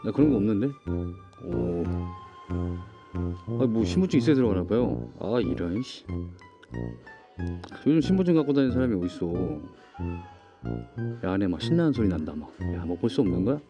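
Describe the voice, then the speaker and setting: A man's voice: lowish voice, big pitch swings, moderate pace, pauses often, music in the background. A middle-aged man giving casual, blunt, grumbling vlog commentary in slangy banter, his articulation slightly slurred by loose dentures. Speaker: vlog host.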